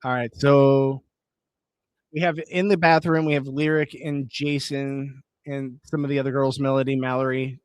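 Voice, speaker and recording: Late at night, a man with a middle-pitched, level voice rambles casually on a live stream, reading viewers' comments aloud and restarting words at a moderate pace. After hours of talking, his voice is going hoarse. The recording is dry and close, with no room sound.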